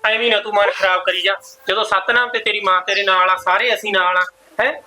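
Actor playing a brisk, reassuring family elder. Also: mid-range voice, fairly even intonation, sharp tone, faint music behind. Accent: Indian Punjabi. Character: family elder calming the quarrel. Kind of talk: village family short film acting.

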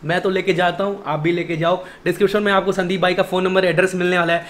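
A man's voice: high voice, level tone, fast, a bit bright. A young man in his twenties with a Delhi accent, hosting a casual vlog and chatting in a friendly way, recorded on a phone held at arm's length in a small indoor shop office. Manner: chatty, friendly, calls the other man brother. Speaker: vlogger host. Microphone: phone camera held at arm's length.

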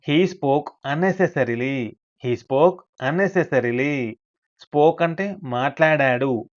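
A man with a Telugu accent teaching a spoken English lesson. He explains in Telugu and says each English example slowly, twice. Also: mid-range voice, dull audio.

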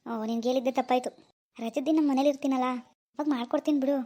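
A woman voicing an easygoing young village husband in a cartoon, talking fast and chatty. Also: high-pitched, steady tone, dark tone. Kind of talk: cartoon voice acting.

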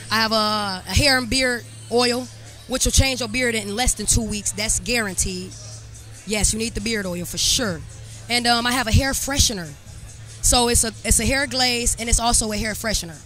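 Speaking into a handheld mic at a barber competition, a woman in her twenties from Detroit casually and confidently describes her hair products as an interview guest. She's upbeat and slangy, with a slightly high, steady, a bit bright voice at a slightly quick pace, and faint music plays in the background.

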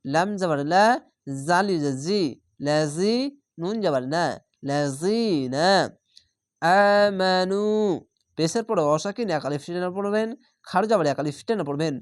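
A man leads a recitation lesson, spelling out each syllable in a steady, methodical way. He then sings the full word out slowly and at length. The sound is dry and close, without any room echo. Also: sits high. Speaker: Quran reading teacher.

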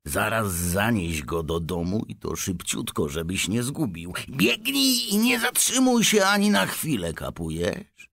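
A man voicing a kindly fat shopkeeper who talks gently to a boy, in a storybook reading. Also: low voice, measured pace, dry recording, studio quality. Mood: confiding. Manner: gentle and confiding, firm to the crowd.

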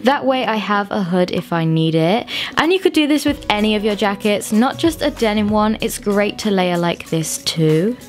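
A woman's voice: medium pitch, animated, normal speed, darkish tone. A woman in her twenties, a fashion vlogger giving friendly, upbeat voice-over tips on outfits. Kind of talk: scripted lookbook voice-over. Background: faint music.

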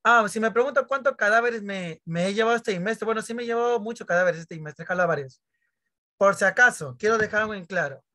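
A man teaches English over a video call, with a bright, ringing voice. He jokes and teases his pupils and plays out their questions in their voices. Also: sits high, quick pace. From Peru. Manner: joking, teasing pupils, acts out their questions. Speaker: primary school English teacher. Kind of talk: online class, explaining grammar.

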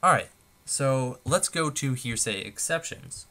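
Guy with a bright clear voice walking through a law tutorial point by point, um's here and there. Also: medium pitch, unhurried. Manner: steady, methodical, stepping through numbered points with occasional fillers. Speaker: tutorial presenter. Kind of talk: explanatory lecture on law.

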